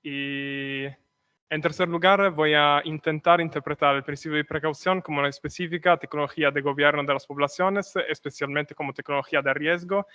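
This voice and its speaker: A man delivers an academic conference paper as a non-native speaker of Spanish. His voice is slightly high and smooth, recorded dry and close. He hesitates, repeats words and corrects himself. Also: fairly even intonation, brisk, sharp tone, no room sound. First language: not Spanish.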